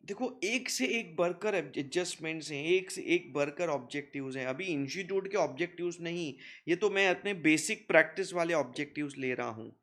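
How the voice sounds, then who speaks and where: Guy teaching accounts, kinda high voice, jokey and chatty with the kids. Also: fairly quick, hardly any pauses. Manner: lively, teasing teacher who voices students' questions himself. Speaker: commerce teacher. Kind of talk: recorded classroom lecture.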